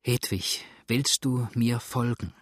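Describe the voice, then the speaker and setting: A man's voice: medium pitch, slow, husky, dry recording, studio quality. A man reading the part of a desperate husband, a judge, pleading urgently with a trembling voice.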